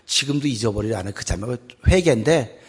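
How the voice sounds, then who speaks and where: A middle-aged male pastor preaching a dramatic sermon in a church, dropping to a hushed voice for acted prayers and rising to loud exhortation. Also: medium pitch, expressive, fast, husky. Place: church sanctuary.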